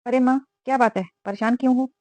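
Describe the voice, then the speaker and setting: A woman voicing a young adult son in a cartoon, speaking quickly and impatiently. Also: sits high, fairly even intonation, mellow, no room sound, natural voice. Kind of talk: cartoon voice acting.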